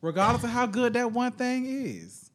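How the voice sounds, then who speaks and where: A man's voice: very high voice, animated, normal speed. A man co-hosting a casual podcast, teasing his friend and musing on life. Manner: teasing, playful, philosophizing. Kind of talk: casual chat.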